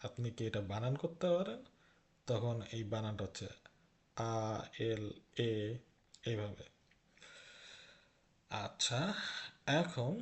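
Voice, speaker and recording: Man, language teacher, slow delivery, middle pitch, patient explanations, careful spelled-out examples. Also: darkish tone. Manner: slow, patient, repeats with "ঠিক আছে?"; says German phrases very slowly and carefully. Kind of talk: explaining a textbook lesson.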